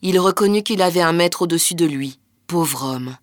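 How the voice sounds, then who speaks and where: A woman narrates an old folk tale in a lively, rhythmic storytelling manner. Her voice sits on the low side for a woman. The recording is close and dry. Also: normal speed, dry recording.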